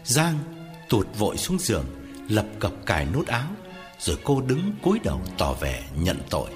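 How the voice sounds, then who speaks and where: A man narrating a Vietnamese horror story with an expressive storyteller's manner. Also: fairly low pitch, moderate pace, soft background music.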